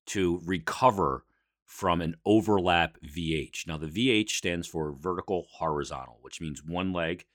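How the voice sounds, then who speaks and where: A man with a low, deep voice talks through a sports recap as podcast host. He is conversational and explanatory, adding emphatic asides. The sound is dry, with faint music behind him. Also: fairly bright tone, no room sound.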